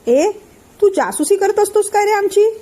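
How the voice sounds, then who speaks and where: A woman voicing a calm older man who patiently explains and soothes his friend. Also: high voice, normal speed. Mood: calm, persuasive. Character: calm older male friend and family elder.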